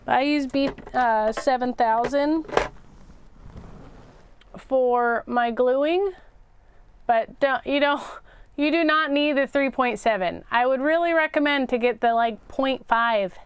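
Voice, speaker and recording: A woman's voice: on the high side, smooth. A woman hosting a craft tutorial in a casual, rambling livestream chat, half talking to herself as she works. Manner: rambling, talks to herself while working.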